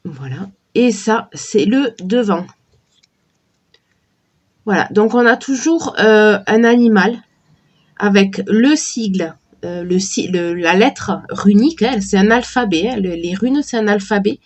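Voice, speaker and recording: A woman with a cold and a sore throat, slowly and hesitantly chatting while showing a deck of oracle cards. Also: medium pitch, animated. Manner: slow, hesitant, many fillers and restarts. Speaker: tarot and oracle card reviewer. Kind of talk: casual unboxing chat.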